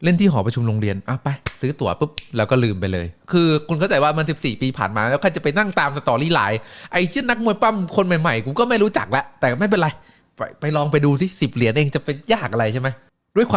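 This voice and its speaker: A man streaming, telling a story in casual chat with crude slang and acted-out voices. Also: mid-range voice.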